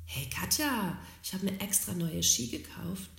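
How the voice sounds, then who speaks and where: A woman's voice: mid-range voice, expressive, a little slow, creaky, a bit bright, roomy sound. A woman quoting her offhand, self-centered boyfriend in a casual, dismissive tone.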